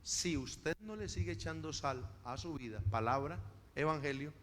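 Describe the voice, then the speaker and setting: A male pastor giving a sermon, telling stories, acting out dialogue and building to loud passages. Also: a little high, normal speed, big-room sound, a little hiss or hum. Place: church.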